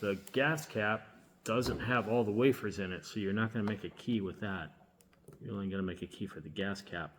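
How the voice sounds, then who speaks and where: A man with a fairly low voice walks through a hands-on locksmith demo. He talks in a relaxed, halting way, pausing and restarting as he works with his hands. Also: a little hiss or hum. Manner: relaxed, halting, thinks aloud while working. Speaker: locksmith demonstrating key making. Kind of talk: casual hands-on demonstration.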